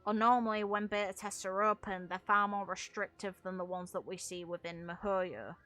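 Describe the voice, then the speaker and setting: Faint music sits behind this woman's mid-range voice, which is steady yet sharp in tone at a moderate pace. As a gaming streamer and video creator, she delivers casual, opinionated game commentary bluntly and informally, with mild swearing.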